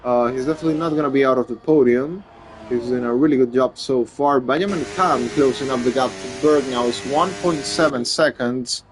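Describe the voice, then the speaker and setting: A man's voice: mid-range voice, brisk, background noise. A man commentating live on a motor race as a motorsport commentator. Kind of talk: live sim racing commentary.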